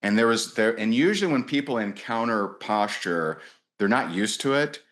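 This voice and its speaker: A man with a fairly low voice speaks as a podcast guest. He tells a story about a sales call in a loose, lively way, restarting sentences and putting on the voices of the people he quotes. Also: normal speed. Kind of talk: casual storytelling interview.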